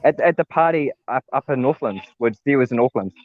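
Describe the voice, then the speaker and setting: A man joins a stream as a guest and gives short, relaxed answers. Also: medium pitch, brisk, dry recording, narrow, tinny audio. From New Zealand.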